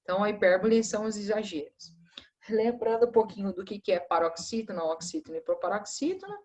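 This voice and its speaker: A woman's voice: medium pitch, lively intonation, fast talker, darkish tone, lo-fi sound. A woman teacher walks her class through a recorded review. Her delivery is patient and explanatory, and she checks in with short tag questions as she goes.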